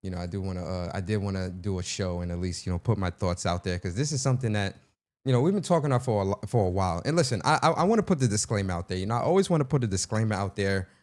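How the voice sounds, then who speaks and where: A young man hosting a casual livestream, playful and animated, talking straight to his chat. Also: deep voice, rapid-fire. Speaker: livestream host.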